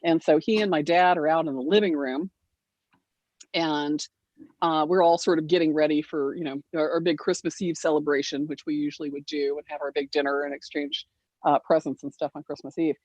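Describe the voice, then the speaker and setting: Woman telling a lively family story. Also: deep voice, brisk, no echo, lo-fi sound. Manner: animated, laughs through the story, acts out quoted family voices. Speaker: guild member sharing a story. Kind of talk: casual storytelling.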